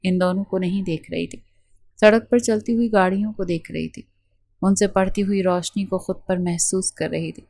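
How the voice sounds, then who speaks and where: A woman narrating a romantic novel in a steady, emotive reading style. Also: mid-range voice, creaky, no room sound. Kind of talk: scripted audiobook narration.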